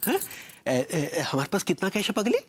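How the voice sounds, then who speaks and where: An actor playing a fussy, scheming middle-aged husband who stammers when flustered. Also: male voice, high voice, wildly swooping pitch, moderate pace, breathy edge, exaggerated voice. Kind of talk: TV sitcom acting.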